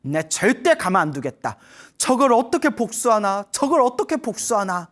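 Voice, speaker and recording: A woman's voice: medium pitch, very animated, normal speed, lightly acted. A woman voicing a hot-tempered male monk who broods over a grudge and then resolves to change. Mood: seething. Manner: seething, muttering to himself.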